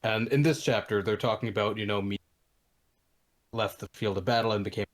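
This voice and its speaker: A man with a fairly low voice hunts for a passage in a halting, filler-heavy way. His audio is choppy and keeps cutting out, as if over a failing wireless link. The result is broken-up speech in a relaxed discussion. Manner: halting, hesitant, with many fillers. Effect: choppy audio cutting out over a bad wireless connection. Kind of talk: casual discussion, searching for a book passage. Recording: choppy, dropping connection.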